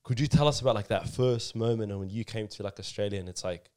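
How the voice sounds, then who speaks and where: Guy from somalia hosting a podcast, fast and chatty, low voice, says like a lot. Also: a little mellow. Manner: chatty, loose, lots of "like" and "you know". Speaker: podcast host. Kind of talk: casual chat.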